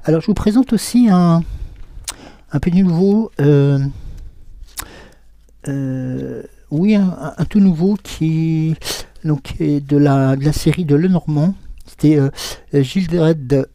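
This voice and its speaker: A man's voice: on the high side, mellow, dry recording. A man giving a live oracle card reading, hesitant and full of fillers, answering viewers' comments as he goes. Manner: hesitant, many fillers and restarts.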